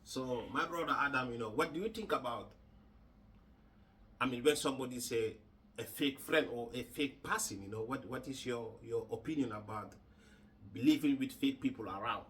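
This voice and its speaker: A man from Gambia hosting a casual podcast chat, halting and repeating words with many fillers. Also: medium pitch, a bit bright, far from the mic, rough recording. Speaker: podcast host.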